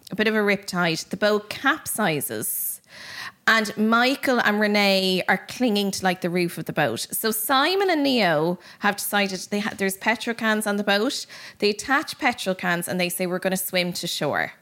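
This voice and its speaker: A woman casually telling a true story on a podcast, animated and chatty with lots of fillers. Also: medium pitch, moderate pace. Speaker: podcast host.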